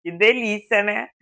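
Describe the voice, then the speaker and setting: A woman's voice: fairly high pitch, bright, forceful tone. A woman, an interviewer who chimes in with short reactions while her guest talks. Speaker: interviewer host. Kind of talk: casual interview chat.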